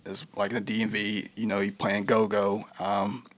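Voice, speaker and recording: A young man talks through an interview in an easygoing, unhurried way. His answers wander and loop back, padded with "you know" and "like". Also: lowish voice, completely flat delivery. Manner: laid-back, heavy with fillers like "you know". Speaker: interview guest, musician. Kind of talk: casual interview conversation.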